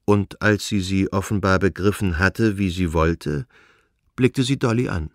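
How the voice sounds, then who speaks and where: A man reading a classic novel as an audiobook narrator, calm and measured. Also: sits low, no room sound, clean studio sound.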